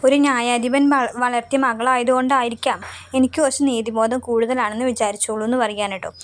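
A woman's voice: a little high, level tone, fairly quick. A woman casually retelling a TV serial episode, quoting the characters in a chatty way. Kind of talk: casual spoken recap of a TV serial.

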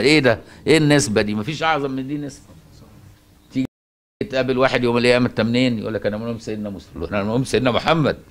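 A man with an Egyptian accent giving a colloquial Quran lesson, often asking his listeners if they follow and chanting verses slowly. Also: lowish voice. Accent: Egyptian Arabic. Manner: conversational, asks rhetorical checks, chants verses slowly. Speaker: Quran teacher.

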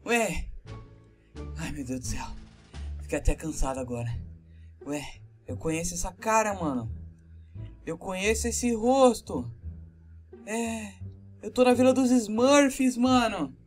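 A man with a Brazilian Portuguese accent narrating a Minecraft role-play in an excitable, exclamatory way. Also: high-pitched, measured pace, long pauses, soft background music. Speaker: gamer YouTuber.

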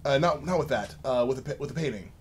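A man's voice: mid-range voice, expressive, fast, slight background noise. A man casually commenting on a game, playful and full of hesitant fillers. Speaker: gameplay commentator. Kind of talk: casual let's play commentary.

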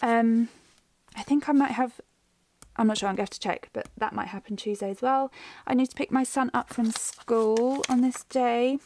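In a chatty plan-with-me narration, a middle-aged planner vlogger rambles and thinks aloud while her voice starts to give out. Her tone is steady and darkish, on the high side, at normal speed, with slight background noise.

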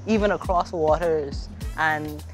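Deep-voiced woman, calm and earnest. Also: slow pace, soft background music. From Barbados. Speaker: entrepreneur and advocate. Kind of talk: reflective documentary narration.

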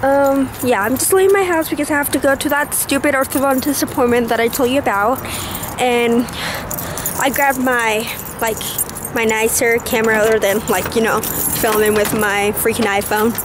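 Filming herself at arm's length on a handheld camera, this excitable young Utah vlogger chats away in her car and later her bedroom, peppering her talk with "like" and "um." Her voice is on the high side, her pace moderate, and the background is noisy.

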